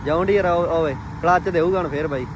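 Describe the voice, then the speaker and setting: A man's voice: a little high, fast. A man giving casual, exclamatory live commentary outdoors with hearty rustic banter. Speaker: vlogger filming farm tractors. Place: outdoors in a farm field near tractors. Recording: loud engine and outdoor vehicle noise.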